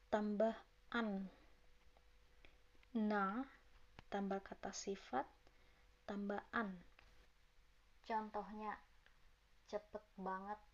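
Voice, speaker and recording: Chatty woman teaching a language lesson. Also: medium pitch. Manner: chatty, repeats example words slowly. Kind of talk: casual online language lesson. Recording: dull lo-fi sound.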